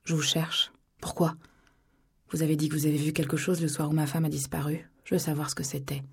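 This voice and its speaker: A woman whispering as a hoarse, cold-spoken man. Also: deep voice, fairly quick, full character voice. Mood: probing. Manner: flat, even, unbothered delivery. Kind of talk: whispered role-play.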